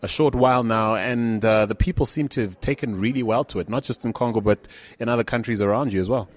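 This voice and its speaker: Guy hosting the interview, upbeat, lively questions. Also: on the low side, fast talker. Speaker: interviewer host. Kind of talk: interview chat.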